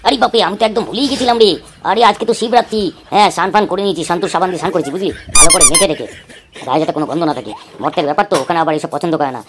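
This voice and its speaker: A sleepy, food-loving father god from a cartoon, voiced by a woman, deep for her and rattling along very fast. He grumbles and rambles in an easygoing way, over a faint hiss. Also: huge pitch swings. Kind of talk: cartoon voice acting.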